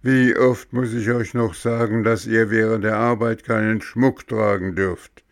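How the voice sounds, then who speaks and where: A gruff old Saint Nick boss, loud and scolding, low creaky voice, read by a man. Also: measured pace. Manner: booming scolding, then gentle. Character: gruff old Santa boss, stern but kind.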